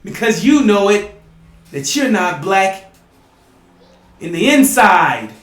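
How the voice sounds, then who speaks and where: Guy preaching hard at his listeners, keeps asking you see, high voice, roomy echo. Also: big pitch swings, slow. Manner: emphatic, repeats "you see?" often, rising to shouts. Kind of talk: impassioned preaching monologue.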